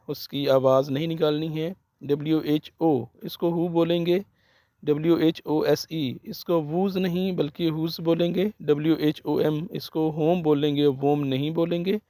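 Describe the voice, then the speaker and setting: Steady teacher man, mellow voice. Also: fairly high pitch, no room sound. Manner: methodical, spells out letters one by one. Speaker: English teacher. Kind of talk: explaining pronunciation rules.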